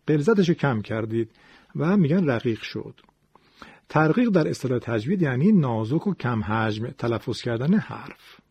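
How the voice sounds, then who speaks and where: Male recitation teacher, husky, very lively pitch, patient explainer; dull lo-fi recording. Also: no room sound. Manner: patient explaining, demonstrating pronunciation aloud. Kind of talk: classroom-style lecture.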